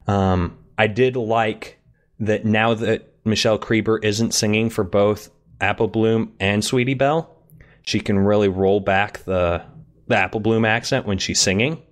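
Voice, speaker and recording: A man's voice: fairly low pitch, steady tone, measured pace. A man hosting a casual fan podcast, moderating the discussion with jokes and frequent restarts. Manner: joking, loosely moderating, many restarts.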